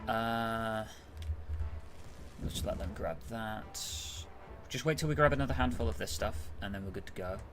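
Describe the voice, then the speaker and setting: With music playing behind him, a British man with a lowish voice talks at normal speed and pauses often while streaming a game. He chats casually with viewers, reading out and answering their messages during play.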